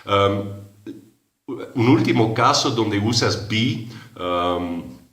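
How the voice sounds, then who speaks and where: A man in his forties teaching an English lesson, explaining slowly and patiently with many hesitations and self-corrections. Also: on the low side, animated, a bit bright, roomy sound. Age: 40s. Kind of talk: recorded language lesson.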